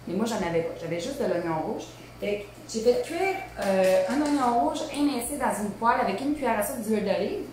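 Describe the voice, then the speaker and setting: A woman's voice: mid-range voice, darkish tone. A woman in her thirties with a Québécois accent, hosting a casual live cooking demo from her home kitchen, chatty and informal with many asides. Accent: Québécois French. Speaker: cooking show host. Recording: very echoey room, faint hum.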